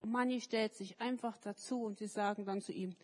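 A woman telling a story to children at a church service, lively and turning to ask them questions. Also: mid-range voice, brisk. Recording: echoey hall.

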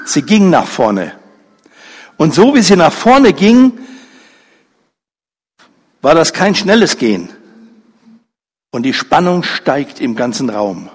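Husky guy preaching slow in a church hall, voice swings up and down a lot, long echo. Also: very animated. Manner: dramatic storytelling, acting out voices; slow, pausing delivery with wide pitch swings. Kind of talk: sermon.

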